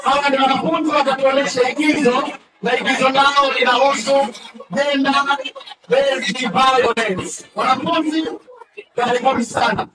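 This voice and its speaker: A man emceeing a school talent show announces the acts with enthusiasm. He speaks at normal speed in a very high voice with a steady tone. The echoey school hall, distant mic and faint noise mark the recording.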